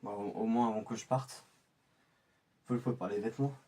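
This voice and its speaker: Far from the mic, a man with a lowish, mellow voice lightly acts an undercover infiltrator in a scripted monologue. He mutters pensively to himself, thinking through his cover, keeping a steady tone at a slightly fast pace.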